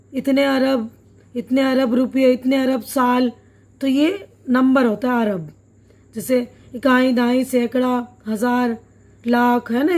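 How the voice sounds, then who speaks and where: With a high-pitched, slightly mellow voice, a teacher works her way through a textbook chapter. She glosses every word simply and patiently, stopping to ask checking questions.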